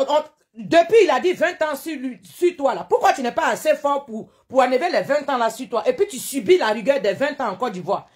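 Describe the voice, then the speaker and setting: A woman with an Ivorian French accent hosts a live-stream rant. Her voice sits high, and she scolds indignantly, firing the same rhetorical questions again and again.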